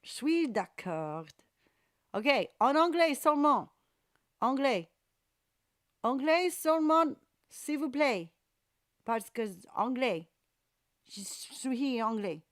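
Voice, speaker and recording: A woman's voice: high-pitched, big pitch swings, slow, long pauses, dry recording, clean studio sound. A woman hosting a live piano-request stream, playfully chatting and answering viewers. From United States. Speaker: live-stream pianist host. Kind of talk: casual live-stream chat.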